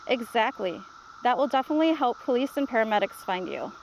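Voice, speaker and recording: A woman reads the part of a patient storybook grandmother, sounding reassuring and instructive. Her high, gravelly voice is animated and a little fast, with faint background noise on a low-quality recording.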